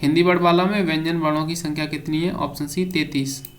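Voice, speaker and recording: A man's voice: a little high, flat delivery, fairly quick. A male teacher giving an exam prep lesson, reading each question aloud and then giving the answer with a brief explanation.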